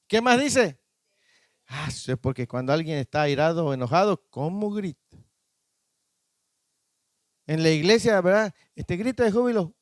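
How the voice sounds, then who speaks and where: Pastor, male, high voice, close dry sound, preaching with call-and-response questions. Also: no room sound. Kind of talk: sermon. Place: church.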